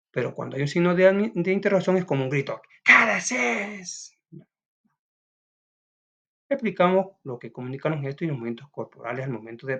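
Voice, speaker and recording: A man's voice: mid-range voice, muffled recording. A man teaching a recorded school lesson. He talks casually and often asks "va?".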